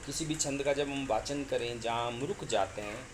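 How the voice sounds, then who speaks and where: A man lecturing as a college teacher, explaining verse rules slowly, repeating words and drawing out the lines of couplets he recites. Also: medium pitch, noisy background. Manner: slow, repeats words, chants couplets drawn out. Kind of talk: explaining Hindi poetics lecture.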